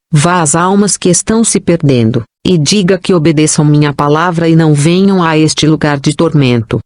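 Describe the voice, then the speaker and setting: A woman reading a first-person religious testimony in a measured, earnest way. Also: low-pitched, a little mellow, dry recording, clean studio sound.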